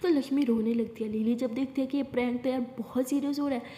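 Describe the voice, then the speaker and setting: A woman's voice: high-pitched, steady tone, quick pace, warm tone. A woman narrating a dramatized love story and voicing each character herself. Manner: switches between narrating and acting both characters. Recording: echoey room with long reverb.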